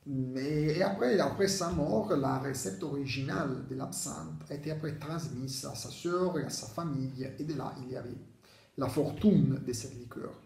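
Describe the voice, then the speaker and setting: A man who is not a native French speaker, explaining to camera in halting, imperfect French with a foreign accent. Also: a little high, gravelly, a little mellow. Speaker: video presenter. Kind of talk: unscripted explanatory talk to camera. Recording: echoey, reverberant room sound.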